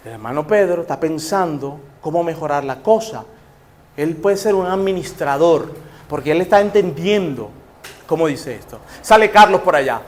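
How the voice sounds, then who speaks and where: A man's voice: fairly high pitch, lively intonation, normal speed. A male pastor with a Nicaraguan accent preaching conversationally, acting out little scenes. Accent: Nicaraguan Spanish. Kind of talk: sermon.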